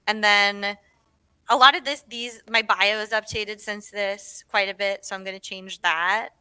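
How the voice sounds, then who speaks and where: Bright, bubbly woman livestream host. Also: mid-range voice, fairly even intonation, unhurried, clear, resonant tone, no room sound. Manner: bubbly and exclamatory, frequent "ooh" and laughs. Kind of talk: casual livestream chat.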